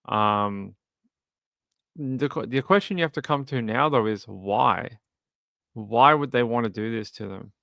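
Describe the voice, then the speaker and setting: A man's voice: mid-range voice, a little slow, vocal fry, fairly bright tone, dry recording. An Australian man hosting a casual live commentary stream, talking in a dry, sarcastic and skeptical way as he responds to chat. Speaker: livestream host of a true crime channel.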